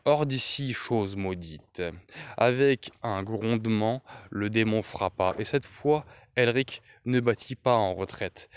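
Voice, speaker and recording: A man narrates a fantasy novel in a measured, deliberate way. His voice sits low, comes across smooth and resonant, and he keeps an unhurried pace. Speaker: audiobook narrator.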